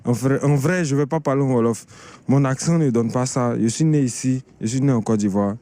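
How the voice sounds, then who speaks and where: Animated man in his thirties. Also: mid-range voice, fairly quick. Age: 30s. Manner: animated, laughing, repeats himself. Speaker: passer-by interviewed. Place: outdoors on a city street.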